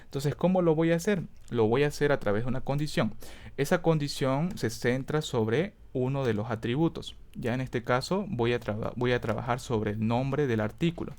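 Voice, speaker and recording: Over a screen recording, a man teaches a database lesson step by step in a mid-range, slightly mellow voice at normal speed. He thinks aloud, corrects himself and frequently checks that students are following.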